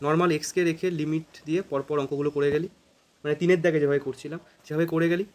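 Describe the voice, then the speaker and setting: Casual male math tutor, slightly high voice. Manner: casual, addresses students informally, thinks aloud with fillers. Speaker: math teacher. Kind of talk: informal math lesson.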